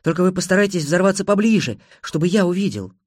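A man's voice: high-pitched, expressive, fast, no echo, pitched above the performer's own voice. Male reader doing a quirky, mischievous sculptor, dry, close sound. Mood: teasing. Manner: teasing, cautious.

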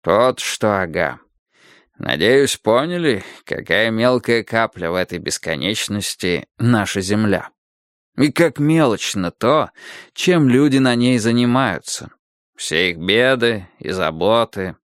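A man voicing a kind, thoughtful old grandfather who speaks slowly and reflectively in an audiobook story. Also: on the low side, expressive, no room sound, clean studio sound. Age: older. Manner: slow, gentle, reflective.

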